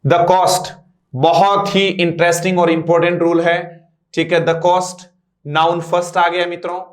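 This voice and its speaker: A man with a Rajasthani Hindi accent teaching English grammar, reading example sentences slowly and drilling his students with frequent check-ins. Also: sits high, little pitch movement. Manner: drills students, repeats "ठीक है" and "मित्रों". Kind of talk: classroom lesson.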